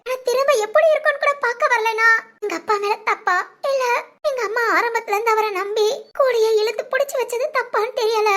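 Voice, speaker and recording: A woman voicing a young woman who grieves for her absent father, speaking softly and tearfully in an audio drama. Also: extremely high pitch, a little fast. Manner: soft, tearful and polite.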